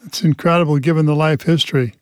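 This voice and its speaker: A man's voice: a little high, steady tone, fast talker, dry recording, clean studio sound. A male radio host interviewing a guest with short encouraging prompts.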